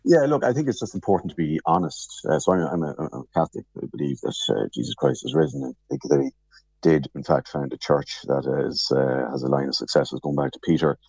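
A radio interview guest with a very deep, sing-song and slightly mellow voice speaks from his office over a remote link. Measured and hesitant, he explains carefully as an alarm beeps nearby, in audio that sounds muffled, echoey and husky.

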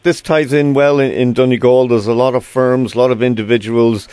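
A man's voice: mid-range voice, steady tone, brisk, darkish tone, clean tone, dry recording. An Irish man hosting a business interview on the radio. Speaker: radio business show host.

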